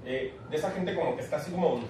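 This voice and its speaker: A young Mexican man co-hosting a casual chat, telling a slangy, animated story. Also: racing. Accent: Mexican Spanish. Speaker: co-host. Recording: echoey room, far from mic, faint rumble.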